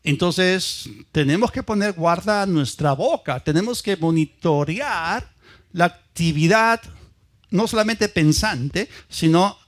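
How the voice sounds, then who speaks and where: A man's voice: sits high, animated, takes it slowly. A man from Peru, a pastor preaching a sermon with emphatic repetition and questions to the congregation. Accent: Peruvian Spanish. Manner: emphatic, repeats ideas in lists, asks the congregation questions.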